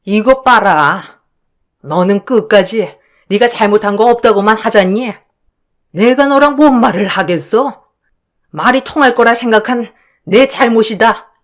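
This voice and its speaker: A woman's voice: a little high, measured pace, natural voice. A woman voicing a harsh, scolding older mother-in-law in a dramatized story. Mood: contemptuous. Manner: scolding, contemptuous.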